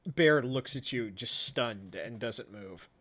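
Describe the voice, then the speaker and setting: A man running a tabletop role-playing game as game master, narrating scenes with pauses and restarts. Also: mid-range voice, expressive, fairly bright tone, a little hiss or hum.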